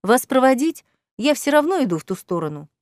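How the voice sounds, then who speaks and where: A woman voicing a tired, earnest male alien starship captain in an audiobook, explaining things in a measured, slightly weary way. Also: high voice, sing-song, darkish tone, dry recording, studio quality. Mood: candid. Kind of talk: audiobook character reading.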